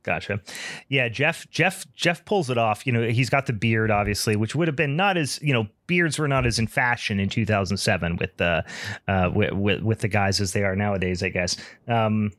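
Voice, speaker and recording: A man's voice: on the low side, fairly bright tone, dry recording, studio quality. A man co-hosting a podcast, reacting casually with restarts and asides. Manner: halting, restarts, conversational asides. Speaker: podcast co-host.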